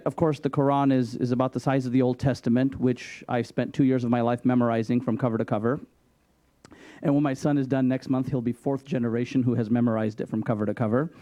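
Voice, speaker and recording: Speaking as an imam at a public hearing panel, this man describes his faith calmly, with a touch of self-deprecating humor. The voice sits in the mid-range and sounds mellow, recorded with no room sound.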